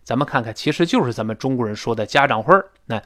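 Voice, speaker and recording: A man's voice: mid-range voice, expressive, quick pace, fairly bright tone. A man teaching English pronunciation in a recorded audio lesson. He explains intonation and demonstrates the sounds as he goes.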